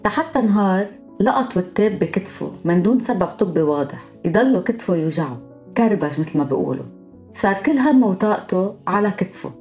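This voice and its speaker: Fast-talking Lebanese woman podcaster. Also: mid-range voice, expressive, darkish tone, soft background music. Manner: explanatory, listing examples one by one. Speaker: podcast host. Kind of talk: scripted podcast monologue.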